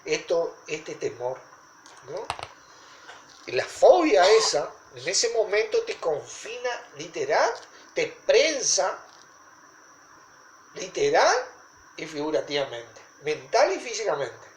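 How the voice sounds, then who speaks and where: A man's voice: high voice, very animated, slow pace, pauses often, reverberant, a little hiss or hum, poor audio. A man preaching a teaching sermon, stressing points with emphatic repetition.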